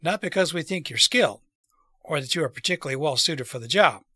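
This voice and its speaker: A man reading an earnest revolutionary plotter, bright-voiced. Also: fairly high pitch, animated, fast talker, slightly rough, no room sound, clean studio sound, full character voice. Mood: persuasive. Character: earnest male revolutionary plotter persuading wary allies. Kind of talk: storybook character read aloud.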